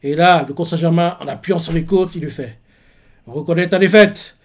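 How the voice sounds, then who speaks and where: A man's voice: fairly high pitch, fairly even intonation, fast talker, a little mellow. Rambling man recapping a comic. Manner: rambling, with constant filler tags and restarts. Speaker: manga reaction host. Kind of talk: casual recap of a manga chapter.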